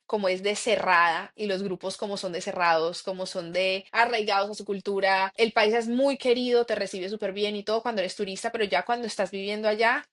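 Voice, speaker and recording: A woman's voice: medium pitch, fairly bright tone. A young adult woman from San Andrés island telling her life story in a casual interview, full of fillers. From San Andrés island, Colombia. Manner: chatty, lots of fillers like "o sea" and "como". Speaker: interview guest, expedition guide.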